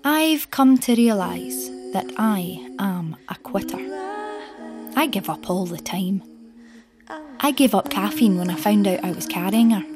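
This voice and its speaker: A woman performing a spoken-word poem in a soft, measured, intimate way. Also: mid-range voice, music in the background. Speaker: poet. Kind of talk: slow spoken-word poetry.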